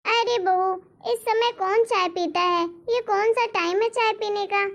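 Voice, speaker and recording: Cartoon mother-in-law, older and whiny, always blaming, very high gravelly voice, a woman voices her. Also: fairly even intonation, unhurried, a bit bright, slight background noise, heavily acted. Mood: complaining. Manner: nagging, complaining, blames others. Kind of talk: animated cartoon voice acting.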